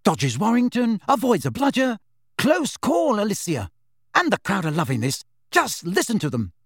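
A man voicing an excitable, cheeky young male sports commentator calling a match. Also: high-pitched, no room sound, clean studio sound, voice pushed up, full character voice. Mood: excited. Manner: fast, cheeky play-by-play.

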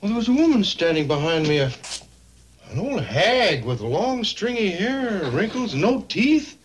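An earnest, oblivious gentleman in an old TV sitcom. His middle-aged voice runs high and swings widely in pitch, with a theatrical delivery at an unhurried pace. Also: sing-song, slight background noise. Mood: alarmed. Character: earnest, oblivious gentleman host, amateur folk singer. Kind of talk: 1960s television sitcom acting.

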